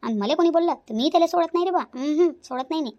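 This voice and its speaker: A woman voicing an angry young daughter-in-law in a cartoon, shouting. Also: high-pitched, expressive, lo-fi sound. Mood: defiant. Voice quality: shouting, quick and blunt. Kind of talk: cartoon voice acting.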